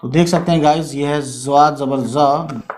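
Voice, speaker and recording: A man teaching as a language tutor, talking casually, slowly sounding out letters and often adding little tag questions to check on his students. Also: fairly high pitch, steady tone, darkish tone, a little hiss or hum. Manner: slow, repeats letters and sounds out spellings; frequent "theek hai" and "hai na" tags.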